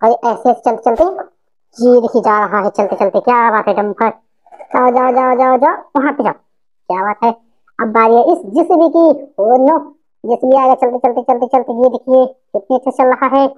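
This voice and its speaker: A woman's voice: a little high, fairly even intonation, normal speed. A woman narrating her toy play for children in a playful, exclaiming, sing-song way. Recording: dull lo-fi sound.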